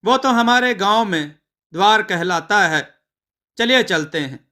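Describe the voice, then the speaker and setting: A man's voice: high voice, lively intonation, unhurried, sharp tone, heavily acted. A man voicing a naive young village bride. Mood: earnest. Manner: earnest, rustic village speech.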